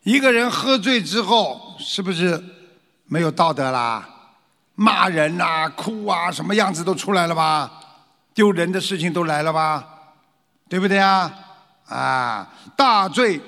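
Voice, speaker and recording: A man lecturing an audience on traditional culture, animated and full of rhetorical questions, now and then acting out frightened voices. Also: sits high, moderate pace, creaky, big-room sound.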